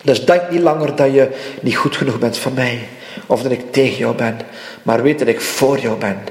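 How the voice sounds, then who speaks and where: A man's voice: mid-range voice, normal speed. A man preaching a prophetic sermon, speaking fervently in God's first person, with repeated rising phrases. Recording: echoey hall with long reverb.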